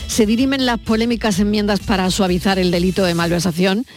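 A woman hosting an afternoon radio show, reading the day's news in a measured, deliberate way. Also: mid-range voice, fairly even intonation, darkish tone, soft background music. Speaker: radio host.

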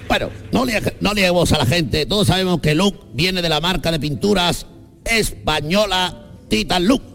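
A man's voice: high-pitched, measured pace, gravelly, a bit bright, big-room sound, faint music behind. A man telling rambling jokes on a radio comedy show and laughing at his own punchlines. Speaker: comedian guest. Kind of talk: comic storytelling on a radio show.

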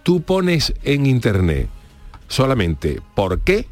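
A man, a guest on a radio talk show, telling stories in a joking, animated way. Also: medium pitch, slow, faint music behind. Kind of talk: casual radio chat.

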